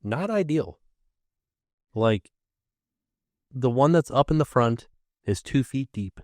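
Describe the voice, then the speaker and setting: A man hosting a podcast in relaxed casual chat, steering the conversation with prompts. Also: medium pitch, slow, no echo, clean studio sound. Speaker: podcast host.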